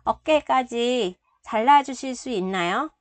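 A woman's voice: a little high, racing, dry recording, soft background music. A Vietnamese-speaking woman teaching Korean phrases, explaining each word patiently and repeating the sentences. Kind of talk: bilingual vocabulary lesson.

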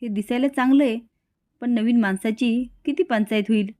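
A woman's voice: a little high, moderate pace, dark tone, natural voice. A woman voicing a meek, village-raised young daughter-in-law. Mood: timid. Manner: timid, humble.

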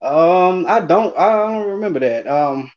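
A man's voice: high-pitched, lively intonation, unhurried. New Orleans man, muffled video call. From New Orleans, Louisiana. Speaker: interview guest, former college running back. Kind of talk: casual interview chat. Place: indoors, remote video call. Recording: dull lo-fi video call audio.

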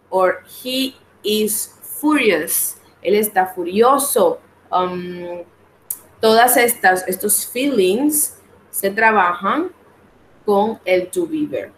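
A woman's voice: medium pitch, a bit bright, roomy sound, a little hiss or hum, rough recording. Colombian woman teaching English online. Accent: Colombian Spanish. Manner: explains in Spanish, slows down to model English phrases. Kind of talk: online class lecture.

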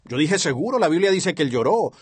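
Brief: man interpreter for a sermon dub, husky, earnest, lively intonation; dry studio voice-over. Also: on the high side, fairly quick, no room sound. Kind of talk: dubbed sermon translation.

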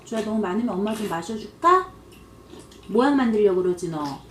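A woman's voice: mid-range voice, lively intonation, a little fast. A woman chatting casually at mealtime as a mother, giving short, attentive replies to her children. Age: adult. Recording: roomy, distant mic, faint background noise.

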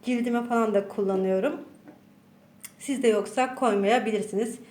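A woman's voice: fairly high pitch, steady tone, normal speed, darkish tone. A woman hosting a casual home cooking tutorial, chatting to her viewers as friends while she works. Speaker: cooking channel host. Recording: roomy echo, faint background noise.

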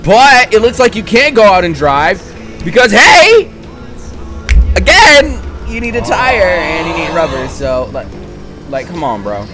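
A man's voice: fairly high pitch, animated, moderate pace, close to an everyday voice. A man putting on the mocking voice of a dismissive male garage crew. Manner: mocking, brushing him off. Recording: game music playing under voice.

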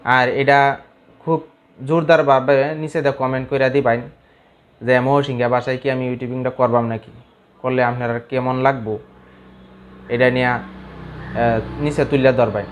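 A man vlogging in a thick Mymensingh Bengali dialect, chatting casually to his viewers. His pitch sits at an ordinary middle height and barely moves, and he rambles on with halting fillers. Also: little pitch movement. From Mymensingh region, Bangladesh. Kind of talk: casual talk to camera.

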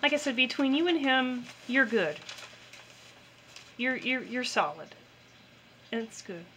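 A woman's voice: fairly high pitch, animated, slow, fairly bright tone, a little hiss or hum. A woman co-hosting a podcast, chatting frankly and affirming her partner. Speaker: podcast co-host. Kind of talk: casual chat.

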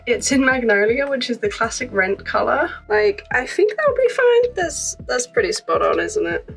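A woman's voice: high-pitched, fairly bright tone. Chatty young woman vlogging in echoey rooms. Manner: chatty and upbeat, talking to camera. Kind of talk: casual vlog narration. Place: empty small house, indoors. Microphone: handheld camera at arm's length.

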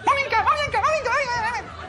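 A man putting on the very high, squeaky voice of a cheerful little girl who keeps repeating the same word. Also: a loud crowd, very noisy. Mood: chirpy. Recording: music playing behind.

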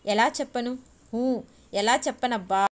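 A woman voicing a shy, eager young female office worker in a novel reading, speaking softly and hesitantly. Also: a little high, unhurried, close to an everyday voice. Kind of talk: audiobook character reading.

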